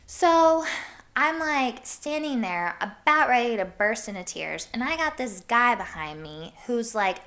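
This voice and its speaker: Woman from Iowa, podcast host, hyper and animated, bright tone. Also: on the high side, measured pace. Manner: hyper and animated, swears casually. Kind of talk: casual storytelling monologue.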